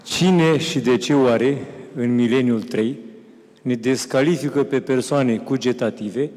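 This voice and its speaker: Measured man asking from the audience. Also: medium pitch, a little mellow. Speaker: audience member asking a question. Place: lecture hall. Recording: long reverb of a lecture hall.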